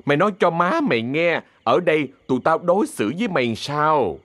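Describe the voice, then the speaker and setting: A man voicing a fierce older woman who runs a theater troupe, cursing and yelling threats in a Southern Vietnamese accent. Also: medium pitch, animated, normal speed, no echo, natural voice. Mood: indignant.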